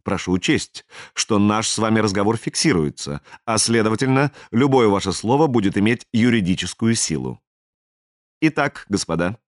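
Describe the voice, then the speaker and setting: Cool alien dealmaker guy, a man putting him on, low voice, bossy and persuasive, audiobook. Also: animated, dry recording, studio quality, natural voice. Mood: commanding. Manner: measured, persuasive and coolly authoritative. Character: smooth, businesslike male alien stranger, commanding. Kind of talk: audiobook character reading.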